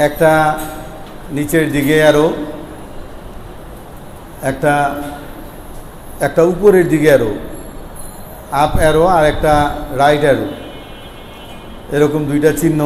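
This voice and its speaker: A man's voice: on the high side, a little mellow. Man, teacher drilling pronunciation; echoey room, faint noise. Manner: repeats sounds slowly, asks the class questions. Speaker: Quran recitation teacher. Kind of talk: explaining Arabic pronunciation lesson.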